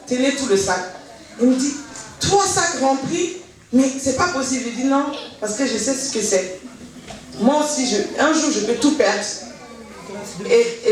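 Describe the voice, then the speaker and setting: Woman testifying in an echoey church. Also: a little high. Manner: lively storytelling, acting out reported dialogue. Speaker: church member giving testimony. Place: church hall. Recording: echoey hall from far off, faint noise.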